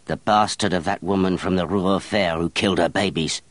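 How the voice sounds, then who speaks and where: A man's voice: sits low, steady tone, fairly quick, a bit bright, no room sound. A man doing a snarling, surly wet nurse. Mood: resentful. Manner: curt, snarling, stubborn. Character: blunt, surly working-class wet nurse woman. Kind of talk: audiobook character voice.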